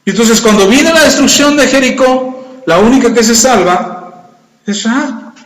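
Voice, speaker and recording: A man preaching a sermon, retelling scripture with animated, acted-out dialogue. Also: very high voice, a little slow. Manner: animated storytelling, acting out voices in quotes. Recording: echoey hall with long reverb.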